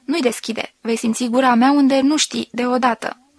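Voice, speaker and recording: A woman voicing a sensual woman who slowly and softly reads out an intimate love letter. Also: fairly high pitch, steady tone, no echo, natural voice. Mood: intimate, tender. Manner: slow, soft, intimate reading.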